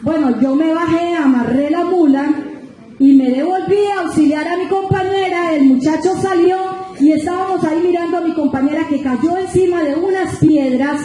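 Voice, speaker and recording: A very high-voiced woman with a Colombian Spanish accent preaches as a guest speaker, her tone soft and mellow. She tells her story in an animated way, calling the listeners brothers and sisters. The sound rings through a large, very echoey church hall. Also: moderate pace, a little hiss or hum. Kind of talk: sermon testimony.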